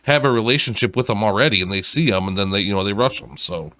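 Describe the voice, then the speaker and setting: A man's voice: fairly low pitch, fast, sharp tone, no room sound, studio quality. A man co-hosting a gaming podcast in casual chat, rambling eagerly with restarts. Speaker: podcast co-host.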